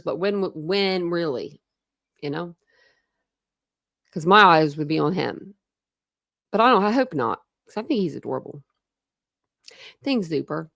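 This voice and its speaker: Reading viewer comments on her true crime livestream, a woman with a mixed Midwest and Southern American accent rambles chattily, tossing in quick asides and laughs. Her voice sits at a medium pitch, and the recording is dry and studio-clean.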